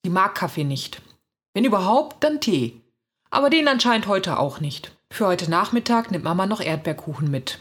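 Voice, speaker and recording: A woman reading a first-person children's story aloud in a lively, expressive way, with a husky voice. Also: lowish voice. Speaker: reader.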